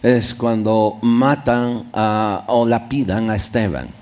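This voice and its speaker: A male pastor preaching a sermon in a church, reading Bible verses aloud and explaining them, with sudden loud rises and soft drops. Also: lowish voice, slow.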